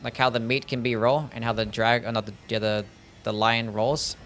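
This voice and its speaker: A man's voice: medium pitch, little pitch movement, moderate pace, a bit bright, slight background noise. A young Australian man streaming a game, chatting sarcastically with chat and swearing often. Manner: sarcastic, swears a lot, reads chat aloud. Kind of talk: casual gaming stream chat.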